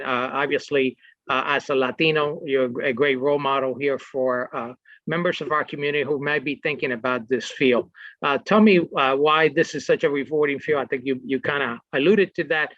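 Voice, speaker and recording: A man's voice: mid-range voice, fairly bright tone, dry recording, lo-fi sound. Dry-sounding, hesitant male host. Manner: hesitant, many fillers and restarts. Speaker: TV talk show host. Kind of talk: interviewing a guest.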